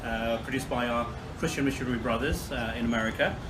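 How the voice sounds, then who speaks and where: A man from Bangladesh giving a measured video monologue outdoors by the sea, pausing often with fillers. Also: medium pitch. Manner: measured, frequent filler pauses. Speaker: commentator. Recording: distant mic with clear background noise.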